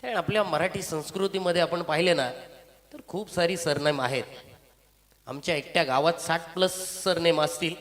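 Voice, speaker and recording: A man's voice: a little high, normal speed, a bit bright, long reverb tail. A man giving live local cricket commentary in an announcer-like way, repeating phrases and mixing in English terms.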